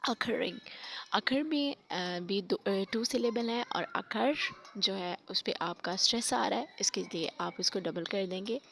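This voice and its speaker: A woman teaches spelling rules in a patient, step-by-step way, her voice at an ordinary middle pitch. She mixes English terms into her explanations. A faint hiss of noise sits behind her. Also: measured pace, gravelly, a bit bright.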